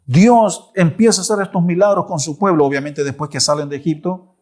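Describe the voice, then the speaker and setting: A man preaching a Bible study, telling the story with lively asides. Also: fairly high pitch, fairly quick. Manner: animated storytelling with repeated asides.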